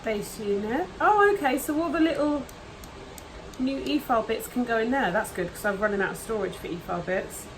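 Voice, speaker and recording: Off camera and picked up on the camera mic, a woman who does nail vlogs gushes casually while unboxing nail products at home, hay fever and all. Her voice is a little high, expressive and brisk, with background noise behind it.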